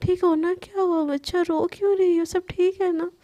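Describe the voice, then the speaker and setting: A woman's voice: very high-pitched, little pitch movement, normal speed, warm tone, voice pushed up. A woman voicing a protective, hot-tempered young woman in love, who stammers when upset. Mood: doting.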